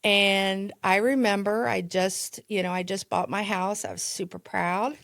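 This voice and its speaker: A woman's voice: mid-range voice, fairly even intonation, unhurried, gravelly, a bit bright, dry recording, clean studio sound. A woman with a Midwestern American accent, a podcast guest telling a story in a chatty, casual way. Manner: chatty, with restarts and laughs. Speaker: podcast guest, real estate agent.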